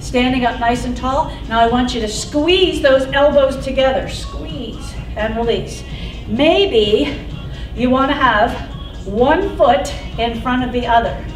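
A woman's voice: high-pitched, slow pace. A middle-aged woman cueing an exercise class as an aerobics instructor, upbeat and encouraging, counting out repetitions. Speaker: fitness instructor. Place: indoor exercise studio with wooden floor. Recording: roomy, distant mic, loud background music. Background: workout music.

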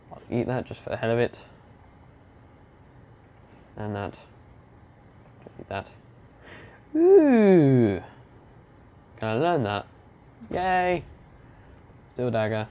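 A young man giving casual commentary while playing a game, muttering to himself and breaking into silly shouts and growls. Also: fairly low pitch, creaky, slight background noise. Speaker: gamer playing through a game. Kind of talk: casual let's-play commentary.

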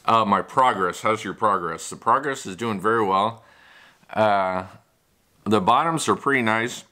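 A man's voice: on the low side, unhurried, bright, forceful tone. A man in his forties with braces, talking casually to the camera in a rambling, matter-of-fact way, with a slight lisp from his rubber bands. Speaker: vlogger.

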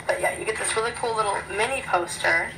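A woman chatting casually through an unboxing vlog in her small bedroom, excitable and rambling, recorded on a phone camera. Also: mid-range voice, quick pace, background noise. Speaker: vlogger.

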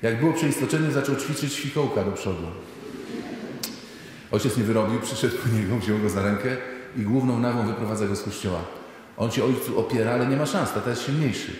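A priest giving a parish talk, telling lively stories and acting out the people in them. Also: male voice, mid-range voice, fairly quick. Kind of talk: sermon. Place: parish church. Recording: echoey church hall, faint noise.

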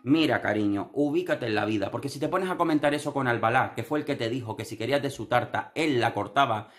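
Canarian guy, young, snarky gossip vlog talk, mid pitch, mocking and dramatic. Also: fast talker. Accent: Canarian Spanish. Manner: sarcastic, theatrical, mocking. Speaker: TV commentary vlogger. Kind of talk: casual reality-show gossip commentary.

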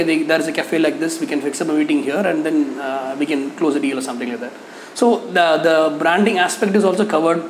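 Hesitant cafe owner. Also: male voice, on the high side. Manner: hesitant, many fillers and restarts, gestures while talking. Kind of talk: candid interview feedback. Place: cafe with painted mural wall, indoors. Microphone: lapel mic. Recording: echoey cafe room with faint noise.

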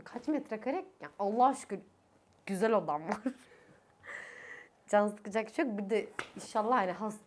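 A woman's voice: mid-range voice, a little mellow. Tired, coughing young woman speaking through a mask. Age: 20s. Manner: chatty, laughs often, voice rising when annoyed. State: tired, coughing, with a sore throat. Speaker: vlogger. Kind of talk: casual chat to camera. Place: her own bedroom, indoors. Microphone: speaking through a face mask.

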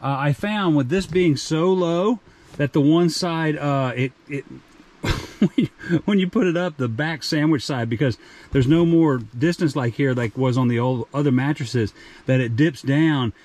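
A man's voice: fairly high pitch, unhurried, darkish tone. A man in his fifties hosting a casual outdoor vlog, reviewing camping gear in a plainspoken, chatty way with frequent restarts. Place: outdoors in a forest campsite and inside a rooftop tent.

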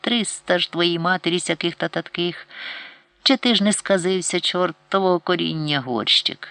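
A man's voice: a little high, animated, normal speed, dry recording, pitched above the performer's own voice. Man doing a pious village mother, scolding, raised voice, storybook. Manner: scolding, threatening with hellfire.

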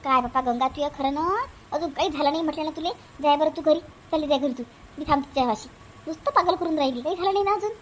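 Woman voicing a steady cartoon neighbor lady, high voice, reassuring and firm. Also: fast, a little hiss or hum, natural voice. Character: calm, soothing village neighbor woman.

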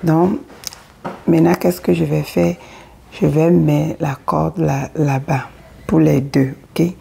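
A woman with a cold gives a casual sewing tutorial at an indoor table, explaining step by step in French, which is not her first language, how to cut and sew a kaftan. Her voice is low, level, mellow, husky and gravelly, hoarse from the cold, and she speaks slowly, often asking viewers if they follow. There is slight background noise.

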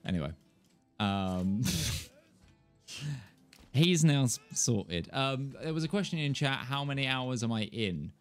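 Faint music plays behind a young man's medium-pitched, expressive voice as he chats slowly, leaving long pauses. He's a streamer from southern England, mildly Kentish and nasal, who rambles, laughs a lot and pokes fun at himself during casual gameplay chat. He sits in a gaming chair in a home room with a desk mic in front.

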